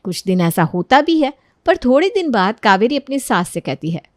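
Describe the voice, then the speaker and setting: A woman telling a children's animated story in a clear, steady narrating voice. It sits slightly high and sounds dry and close. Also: moderate pace, dry recording. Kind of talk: scripted narration for a children's cartoon.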